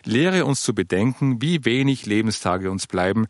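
Low, expressive male narrator. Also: normal speed, no echo, clean studio sound.

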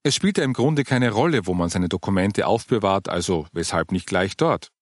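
A calm older churchgoing woman, patient and gently cheerful as she explains things, as a male narrator puts her on. Her voice sits a little higher than his usual tone and swings widely in pitch. The sound is dry and close. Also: moderate pace, dry recording. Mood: explaining.

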